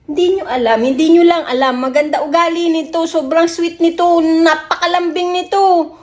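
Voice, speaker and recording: Very high-voiced woman defending her partner. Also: fairly even intonation, moderate pace. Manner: earnest and defensive, laughing often. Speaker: vlogger's partner. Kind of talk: couple banter.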